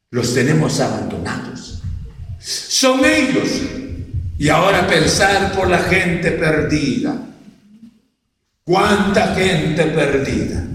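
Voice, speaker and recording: A man preaching a sermon to a congregation, emphatic, repeatedly calling out to his brothers and sisters. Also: fairly high pitch. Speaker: pastor. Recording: very echoey hall, distant mic.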